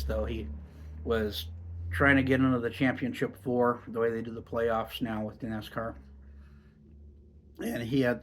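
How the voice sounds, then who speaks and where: A man's voice: medium pitch, a little hiss or hum. An American man chatting casually in a rambling, folksy vlog style, his speech slightly muffled by a lip full of dipping tobacco. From Oregon, United States. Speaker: dipping tobacco review vlogger. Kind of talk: casual rambling chat to camera.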